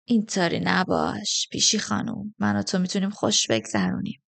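A sleazy drunk who stumbles out of a tavern, voiced by a woman narrator, dragging out every word in a slow, slurred, coaxing drawl. He speaks low and soft, close and menacing rather than loud, like a storybook villain leaning in. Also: animated, vocal fry. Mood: leering, drunken. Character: drunken leering heavyset man in a tavern street.

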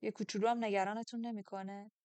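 A blunt, curious young orphan woman, voiced by a woman audiobook reader, firing off direct questions. Her voice sits a little brighter than the narration. The recording is dry and close. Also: medium pitch, little pitch movement, clear, resonant tone, no room sound, natural voice. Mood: wary, questioning. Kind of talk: audiobook character reading.

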